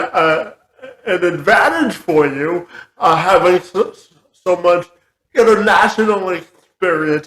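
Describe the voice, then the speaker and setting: High-voiced man hosting, echoey room. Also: fairly bright tone. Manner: halting, many fillers. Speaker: interview host. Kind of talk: interview questions.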